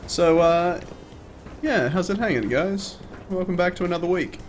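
A man's voice: high-pitched, animated, moderate pace, faint music behind. Chatty man streaming a game. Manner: chatty, joking, laughs often. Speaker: let's play streamer. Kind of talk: casual live-stream commentary.

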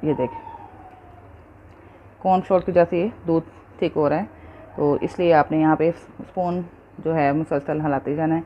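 A woman's voice: low-pitched, steady tone, normal speed, pauses often, lo-fi sound, a little hiss or hum. A woman hosting a cooking show, patiently explaining each step and checking in with her viewers.

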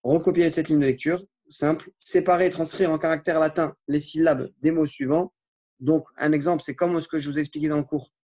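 A man teaching an Arabic lesson, patiently walking through exercises and slowly spelling out Arabic words. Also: on the high side, steady tone, a little mellow. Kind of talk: classroom lesson explaining exercises.

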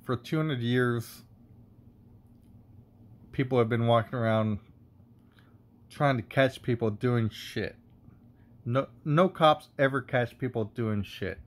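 A man's voice: medium pitch, slow, long pauses. A man vlogging, rambling and getting heated, with many fillers and curses. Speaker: wine reviewer and vlogger. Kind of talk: casual rant to camera.

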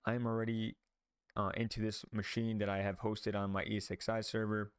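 A man hosting a software tutorial, talking through each step casually, with frequent ums and restarts. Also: on the low side, little pitch movement, fairly quick, clear, resonant tone, dry recording, studio quality. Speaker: tech tutorial host. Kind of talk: screen-recorded software tutorial.

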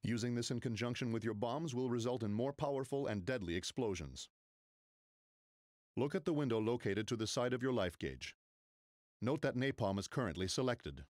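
An actor playing a stern, impatient military commander who gives clipped tutorial orders in a video game. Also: male voice, medium pitch, lively intonation, normal speed, darkish tone, no echo, clean studio sound, close to an everyday voice. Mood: stern, instructive. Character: stern, impatient male military instructor briefing a trainee. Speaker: mission commander.

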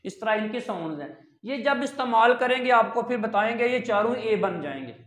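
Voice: medium pitch, expressive. A language teacher explains step by step, asking questions and then answering them. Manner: counts and repeats items slowly. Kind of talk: step-by-step online language lesson. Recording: roomy echo.

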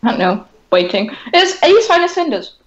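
A woman's voice: high-pitched, sing-song, brisk. A woman chatting casually as a player in a tabletop game over online voice chat. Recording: slightly dull online voice chat.

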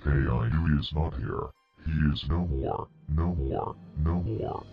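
A synthetic male voice playing a menacing demon possessing a child in a cartoon, speaking in a possessed, husky growl. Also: extremely low pitch, takes it slowly, heavily acted. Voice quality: gravelly, husky. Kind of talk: animated parody cartoon dialogue. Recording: muffled phone-like sound, music behind.

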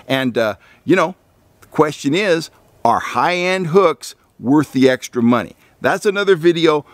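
A middle-aged man talks straight to the camera in a plainspoken, folksy way, walking through his gear step by step. His voice sits at an ordinary middle pitch. The sound is dry and close, with almost no room echo. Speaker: fishing channel host. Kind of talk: casual instructional talk to camera. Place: outdoors in a pine forest.

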